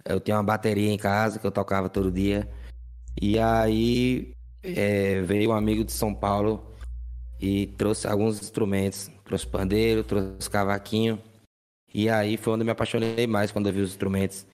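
A man's voice: on the low side, little pitch movement, moderate pace, a little mellow, clear, resonant tone. A Brazilian man, a musician guest, telling stories casually in an interview in a plain-spoken, repetitive way.

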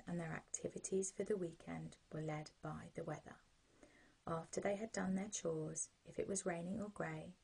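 A British woman narrating a children's sleep story in a soft, breathy, husky voice, with gentle, calming, unhurried delivery. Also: fairly low pitch, rough recording.

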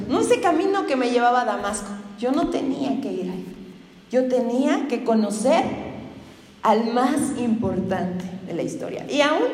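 A woman preacher giving a conversational sermon in a church, often turning to the congregation with questions. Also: sits high. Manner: chatty, keeps asking the congregation questions. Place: church hall. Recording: echoey hall with long reverb.

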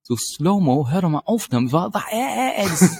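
A young man casually telling a story in slangy talk, animated and laughing often. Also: high voice, a little fast, vocal fry, husky, dry recording.

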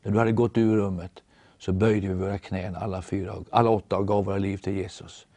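Norwegian guy telling his faith story, low dark voice, acts out the quotes. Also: level tone, no room sound. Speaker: guest storyteller.

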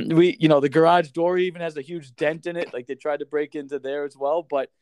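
A man's voice: a little high, steady tone, moderate pace, a little mellow, clean tone, no room sound, studio quality. A man co-hosting a casual podcast, swearing freely and acting out quotes as he tells stories. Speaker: podcast co-host.

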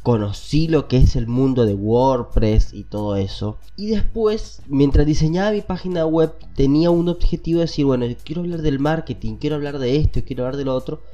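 A man's voice: mid-range voice, a little fast, hardly any pauses, dark tone, muffled recording, faint music behind. A man with a Latin American Spanish accent and a stuffy, congested nose from a cold, hosting a podcast in a casual motivational monologue, speaking directly to listeners. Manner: conversational, addresses listeners directly. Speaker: podcast host.

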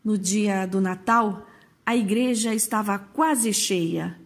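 A woman narrating a story in a measured, expressive way, now and then turning to the listener with a casual aside. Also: medium pitch.

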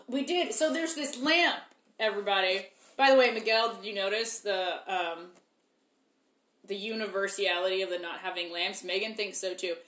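A young woman chats casually over beers in her living room. She rambles, laughs often and cuts herself off mid-sentence. Her voice sits at a middling pitch, and the room sounds echoey. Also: moderate pace, fairly bright tone. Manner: rambling, laughing, self-interrupting. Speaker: podcast co-host.

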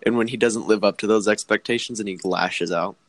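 Young guy host, excited, trips over words, lowish voice. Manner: enthusiastic, halting, giggly. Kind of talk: casual chat.

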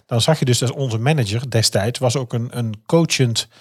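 A man co-hosting a podcast, chatting casually and telling stories in a lively way with frequent laughs. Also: medium pitch, normal speed, slightly rough, no room sound, clean studio sound. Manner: lively storyteller, laughs often. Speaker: podcast co-host. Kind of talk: casual chat.

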